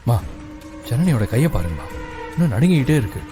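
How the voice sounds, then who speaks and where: An actor playing a grown son who calmly brushes off his mother's worries, in a TV serial. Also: medium pitch, fast, over music, close to an everyday voice. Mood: reassuring. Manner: soothing, dismissive of worries. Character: calm reassuring grown son.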